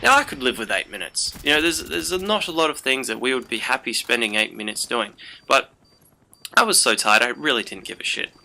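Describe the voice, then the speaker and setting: Young man with a sharp, bright voice. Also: medium pitch, animated, brisk, creaky. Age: young adult. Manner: rambling, chatty storytelling with many fillers. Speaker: gaming channel host. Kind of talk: casual commentary over gameplay.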